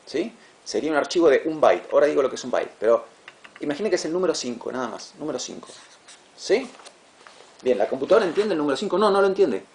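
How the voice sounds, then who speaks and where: A man teaching a class, patient and repetitive, checking understanding with quick questions. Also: a little high, lively intonation. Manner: patient, repeats words, asks "¿sí?" to check. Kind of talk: classroom lecture.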